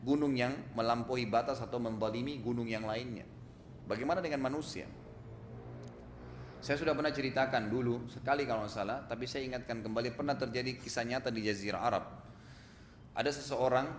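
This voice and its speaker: A man preaching a sermon, telling a story and posing rhetorical questions. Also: mid-range voice. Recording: echoey hall, faint noise.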